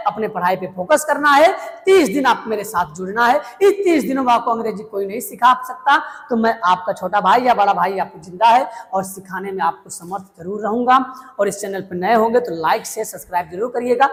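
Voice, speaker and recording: A man with a notably high voice runs a casual spoken-English lesson, saying each phrase twice as a drill. He keeps calling his viewers brother. The sound trails off in a long, reverberant echo. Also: fairly bright tone. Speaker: English teacher.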